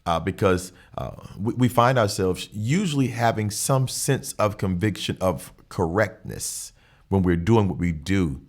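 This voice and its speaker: A man's voice: fairly low pitch, measured pace. A man hosting a podcast, giving an earnest, preacher-like motivational monologue and repeating phrases for emphasis. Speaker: podcast host.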